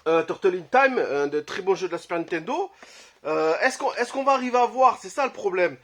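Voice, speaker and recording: A man, casually talking to camera about his collection, blunt and quick to swear, with lots of "euh" fillers. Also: sits high, expressive. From Marseille, France. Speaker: retro game collector vlogger. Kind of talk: casual vlog talk to camera. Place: his home, early morning.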